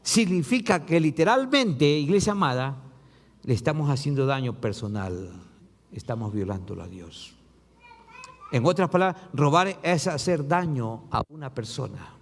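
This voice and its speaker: A man pastor preaching a sermon, reading scripture aloud and asking the congregation rhetorical questions with rising emphasis and low drops. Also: animated, moderate pace, long reverb tail.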